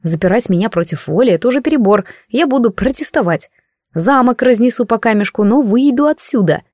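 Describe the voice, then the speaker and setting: A woman narrating a first-person audiobook in a wry, expressive way. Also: a little high, a little fast, dry recording, studio quality.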